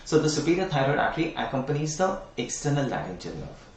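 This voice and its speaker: A man's voice: mid-range voice, very animated, fast, creaky, a little hiss or hum. A middle-aged man with an Indian English accent teaching anatomy in an online lecture, quizzing students and repeating key terms. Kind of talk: online exam-prep lecture. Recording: echoey room, mic at a distance.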